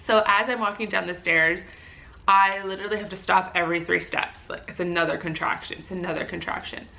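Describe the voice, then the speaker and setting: A young adult woman vlogger casually telling a personal story, animated and full of filler words, acting out what others said. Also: fairly low pitch, a little fast, gravelly. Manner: animated, acts out quoted voices, many fillers like "like". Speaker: vlogger and new mother.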